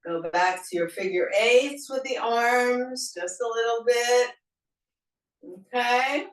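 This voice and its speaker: A woman guides a senior yoga class at an unhurried, very slow pace, calm and gentle in her cues. Her voice sounds roomy and echoey. She is some distance from the mic. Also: a little high. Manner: slow, gentle cueing with playful laughter exercises. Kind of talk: guided exercise class instruction.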